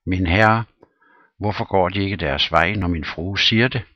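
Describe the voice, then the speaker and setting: A man's voice: low-pitched, dry recording, lo-fi sound, pitched above the performer's own voice, natural voice. Male reader as a terrified old manservant, pleading and breathless. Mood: frightened. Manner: whimpering, pleading. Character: frightened old male servant.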